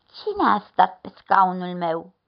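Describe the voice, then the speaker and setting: A woman voicing a big, gruff papa bear who grumbles slowly and loudly, in a dull lo-fi recording. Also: lowish voice, sing-song. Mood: grumbling. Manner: slow loud grumbling.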